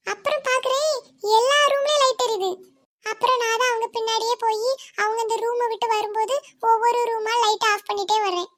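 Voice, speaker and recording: A woman's voice: very high-pitched, steady tone, brisk, background noise. A woman voicing a grumbling teenage girl in a cartoon, scolding and complaining in a Tirunelveli Tamil accent. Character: grumbling teenage girl, sharp-tongued and fed up. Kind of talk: cartoon voice acting.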